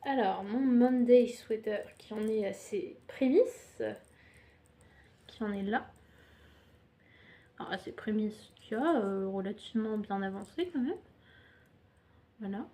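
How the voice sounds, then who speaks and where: With a dark, medium-pitched voice, a slow pace, and long pauses, this young knitting podcaster presents her projects on camera in a casual way. She's hesitant and uses lots of fillers, but she's also chatty and pokes fun at herself.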